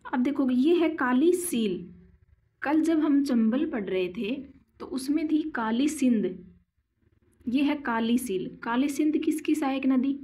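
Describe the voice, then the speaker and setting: A woman teaching a geography lesson, slowly repeating key names and quizzing her students with questions as she draws on a board. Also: high voice, mellow. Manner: slow and deliberate, drawing on a board while explaining.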